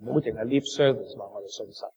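A man preaching emphatically in short phrases, leaving pauses for an interpreter. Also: medium pitch, mellow. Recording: echoey hall, dull muffled sound.

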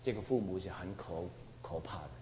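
A man's voice: sits low, fairly quick, darkish tone, slight background noise. A man preaching a sermon emphatically, often asking the congregation rhetorical questions. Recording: roomy hall with long reverb.

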